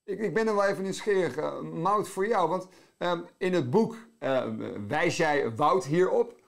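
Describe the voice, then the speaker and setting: A man hosts the interview with a high, lively voice that moves up and down a lot. He keeps his guests talking with encouraging follow-up questions. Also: measured pace, vocal fry. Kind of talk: interview host.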